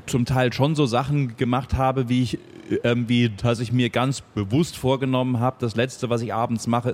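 A man's voice: medium pitch, a little mellow. Hesitant man, thinking aloud. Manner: hesitant, many fillers and restarts. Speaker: podcast guest. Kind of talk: casual panel discussion.

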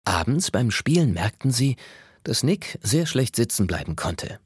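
A man reading aloud from a children's book in an expressive storytelling way. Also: mid-range voice, measured pace, husky, dry recording, studio quality. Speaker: story reader.

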